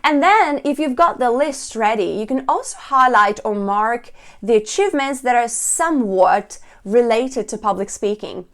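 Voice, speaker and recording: A woman with a somewhat high voice gives an instructional talk in the role of a speaking coach. She phrases things deliberately and speaks straight to the listener in an encouraging way. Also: expressive, a bit bright.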